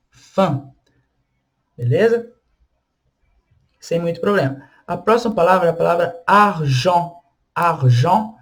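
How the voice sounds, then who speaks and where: A Brazilian man with a fairly high voice runs an online French pronunciation lesson over screen share. He explains patiently and keeps checking in with his students with short tag questions. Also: a little mellow. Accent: Brazilian Portuguese. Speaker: French teacher.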